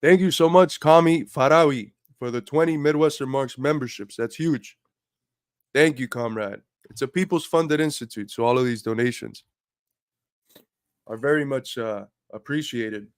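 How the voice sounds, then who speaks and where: A man hosting a livestream speaks in a smooth, mid-range voice at a moderate pace, earnestly building to emphatic points even though he's feeling under the weather. It's casual livestream talk in clean studio sound with no echo.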